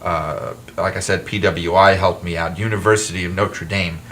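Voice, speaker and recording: Guesting on a casual talk show, a male author and wrestling historian speaks in a deep voice at a moderate pace. Slight background noise is audible, and he tells animated, self-deprecating stories with frequent restarts.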